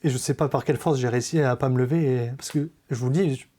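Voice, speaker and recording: Male guest telling his own faith story; warm, low-lit tone, hesitant and sincere. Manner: halting, with many hesitations and restarts; earnest, confessional. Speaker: podcast guest giving a testimony. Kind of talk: personal faith testimony in conversation.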